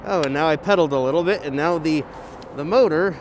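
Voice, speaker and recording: A fast-talking bike vlogger with a slightly high voice thinks aloud in a casual, hesitant way while riding an electric bike on a trail outdoors. His balaclava dulls his speech a bit, and the gimbal camera or windscreened lapel mic picks up wind, the motor and passing traffic.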